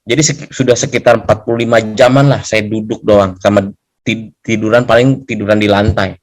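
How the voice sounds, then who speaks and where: A man's voice: lowish voice, steady tone, fairly quick. A young man telling a personal testimony in a conversational way, often adding a questioning tag to seek agreement. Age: young adult.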